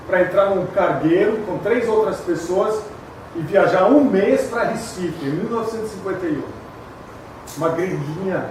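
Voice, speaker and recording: A high-voiced Brazilian man, a pastor speaking at a retreat, tells a humorous personal testimony sermon in chatty storytelling style, full of tag questions and laughing asides. He's in a large, very echoey hall, captured by a distant mic with background noise.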